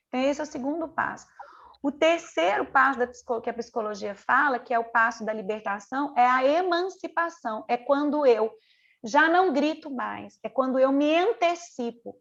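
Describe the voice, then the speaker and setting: High-voiced woman mentoring online. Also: animated, normal speed, creaky, highs cut off. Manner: earnest, conversational, piles up rhetorical questions. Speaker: mentor teaching a group.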